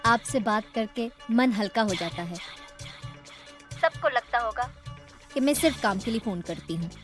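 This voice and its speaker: Actress doing a blunt mocking ex-wife, higher voice, soft music under, film comedy. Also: female voice, animated, moderate pace, lightly acted. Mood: complaining. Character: sharp-tongued divorced wife demanding alimony.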